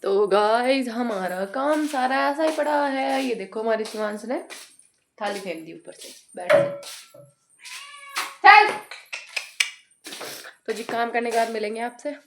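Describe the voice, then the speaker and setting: A woman's voice: a little high, expressive, measured pace, long pauses, background noise. A young woman vlogging casually at home, cooing and baby-talking to her infant son between remarks to viewers.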